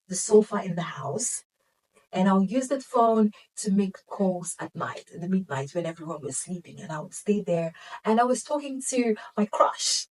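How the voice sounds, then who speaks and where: A young woman vlogger telling a casual storytime, animated and laughing, dropping to whispers and rising to exclamations. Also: medium pitch, distant mic, poor audio.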